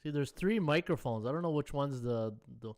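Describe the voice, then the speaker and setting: A man's voice: fairly high pitch, animated, moderate pace. Man, echoing as if in a tunnel. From Canada. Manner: chatty, greets viewers by name, many "uh" fillers. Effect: echoing tunnel-like sound on his microphone. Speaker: sports betting livestream host. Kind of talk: casual livestream chat. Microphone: USB desktop microphone. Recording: echoey hollow mic sound.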